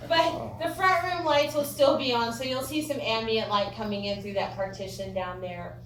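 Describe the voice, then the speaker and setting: A woman's voice: a little high, normal speed. An American woman working as a ghost tour guide, telling stories to a group in a folksy, joking, chatty way. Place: indoor room of an old theatre. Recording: roomy echo, distant mic, clear background noise.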